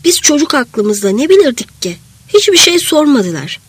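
A woman's voice: sits high, big pitch swings, normal speed, dry recording. A woman narrating a literary first-person story in a reflective way, sometimes dropping to a whisper.

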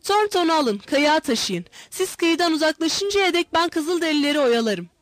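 A woman's voice: high voice, sing-song, normal speed, dry recording, voice pushed up. A woman voicing a guilt-stricken male gold seeker in a read-aloud story, urging and pleading. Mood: urgent pleading. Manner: urgent, pleading.

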